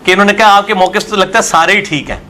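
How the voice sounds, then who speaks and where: A man's voice: high-pitched, steady tone, very fast, sharp tone. A man, a religious scholar arguing his view in an interview and asking rhetorical questions. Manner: argumentative, full of rhetorical questions.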